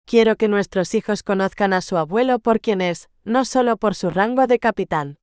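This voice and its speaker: A woman's voice: medium pitch, moderate pace, a little mellow, clean tone, no echo, clean studio sound, close to an everyday voice. A woman reading the part of a young bride in love, playful and frank in her speech. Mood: resolute. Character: young English bride, spirited and loving.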